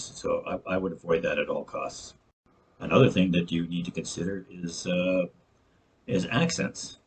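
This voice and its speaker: A man's voice: sits low, slightly rough. A man, a novelist, talking casually to camera about writing, earnest and often restarting words with frequent fillers. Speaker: novelist sharing writing tips.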